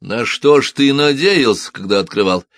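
A man's voice: mid-range voice, expressive, moderate pace, no room sound, pitched above the performer's own voice, lightly acted. A man voicing a brutal, menacing bandit leader posing as a gendarme in a storybook reading. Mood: mocking. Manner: bellowing, menacing.

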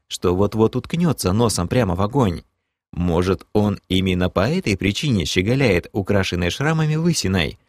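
A man's voice: sits low, dry recording, studio quality. A man narrating a first-person fantasy audiobook in a wry, ironic storytelling manner.

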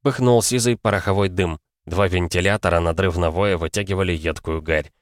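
A man narrating an audiobook in a steady, measured reading. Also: low voice, dry recording, studio quality.

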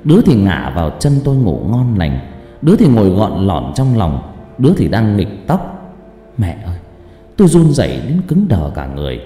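Dark-voiced man telling a horror story. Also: fairly low pitch, huge pitch swings, moderate pace. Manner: tense, dramatic storytelling. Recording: echoey hall, long reverb, faint music.

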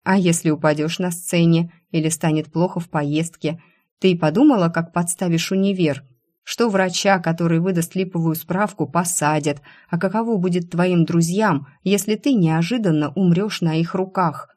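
A woman voicing a sharp-tongued young female classmate who scolds and mocks in a sarcastic way, in an audiobook. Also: on the low side, normal speed, close to an everyday voice. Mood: scolding. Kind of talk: audiobook character voice.

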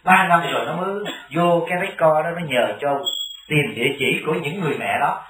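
A man's voice: on the high side, a little fast, bright, forceful tone. A Buddhist monk delivers a sermon, telling a story and often turning to his listeners with questions. His voice rings through a roomy temple hall, picked up by a mic set well away from him. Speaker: Buddhist monk teaching a congregation. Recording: echoey hall, distant mic.

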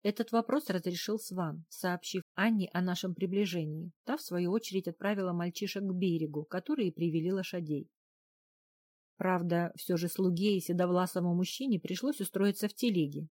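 Audiobook narrator, woman, mellow low-ish voice, dry close sound. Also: brisk, dry recording. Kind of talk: first-person audiobook narration.

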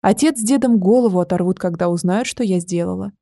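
A woman narrating a novel in the first person with steady, intimate storytelling. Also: mid-range voice, fast talker, no room sound, clean studio sound. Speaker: audiobook narrator.

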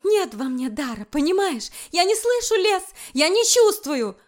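A woman voicing a fiery young female archer who shouts back in a shrill, high voice. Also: big pitch swings, a little slow, exaggerated voice. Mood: defiant, shouting.

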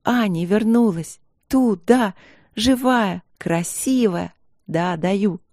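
A woman voicing an excitable, teasing teenage sister, talking fast and bouncy in a storybook reading. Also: mid-range voice, dry recording, studio quality, voice pushed up, close to an everyday voice. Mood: excited.

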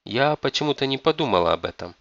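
A man putting on a high excitable young woman. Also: quick pace, vocal fry, dry recording, highs cut off. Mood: shocked. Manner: excited, questioning. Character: shocked adult elder daughter.

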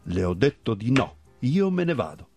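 A man's voice: medium pitch, big pitch swings, moderate pace, over music, natural voice. A man doing an indignant blustering Santa Claus. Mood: exasperated. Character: furious proud old Santa Claus.

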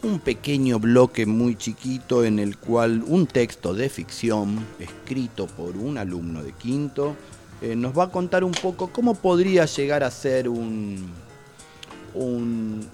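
A man's voice: mid-range voice, a little mellow. A man with an Argentine accent hosting a school community radio show, talking hesitantly as he introduces segments. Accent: Argentine Spanish. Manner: hesitant, many fillers and restarts while introducing segments.

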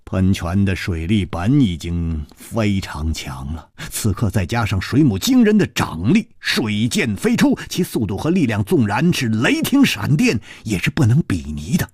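Animated, husky male storyteller. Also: lowish voice, unhurried, hardly any pauses, no echo, studio quality. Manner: dramatic, swinging between hushed and exclaimed phrases. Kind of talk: broadcast martial-arts storytelling.

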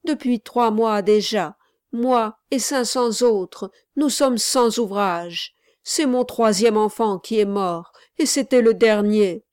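A woman audiobook reader voicing a gaunt, bitter unemployed man with a raspy voice. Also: fairly high pitch, slow, darkish tone, no room sound, studio quality, pitched above the performer's own voice. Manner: bitter, harsh. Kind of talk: audiobook character reading.

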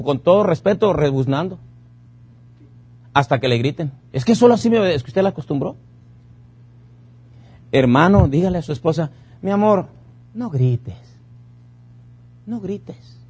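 Husky-voiced pastor preaching emphatically. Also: male voice, fairly high pitch, a little mellow. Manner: emphatic preaching with rhetorical questions and repeated commands. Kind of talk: sermon. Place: church.

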